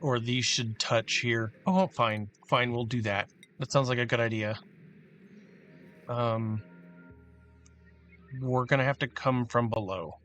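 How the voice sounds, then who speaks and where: A man's voice: mid-range voice, fairly bright tone, soft background music. Man musing aloud over a building game. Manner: thinking aloud, halting, many restarts. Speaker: gameplay commentator. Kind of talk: casual gameplay commentary.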